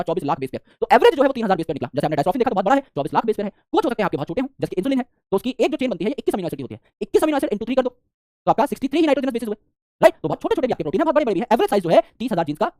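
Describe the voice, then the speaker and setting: A man's voice: high-pitched, darkish tone, no echo, clean studio sound. A man giving a biology revision lecture, explaining at speed and asking rhetorical questions as he goes. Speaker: biology teacher.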